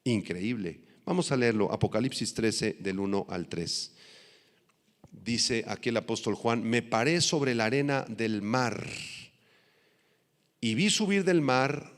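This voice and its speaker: Animated male pastor preaching in a reverberant hall. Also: lowish voice. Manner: animated preaching, rising loud on emphasis, slows to stress words; teacherly, spells out terms and tells listeners to note them. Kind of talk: sermon.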